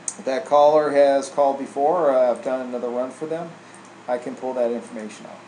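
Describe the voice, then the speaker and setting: A man walking through software in an informal, casual tutorial style, like a trainer showing someone the steps. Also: mid-range voice, brisk. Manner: casual, informal, tags statements with "right?". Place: indoor room, screen recording voice-over. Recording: roomy echo, faint air-conditioning hum.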